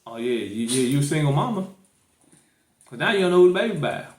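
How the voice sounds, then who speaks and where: Very animated and quick, the fairly high-pitched voice of an "St" guy hosts a podcast. He is laid-back yet opinionated, emphatic, and colloquial, repeating himself again and again, in a roomy, echoey recording.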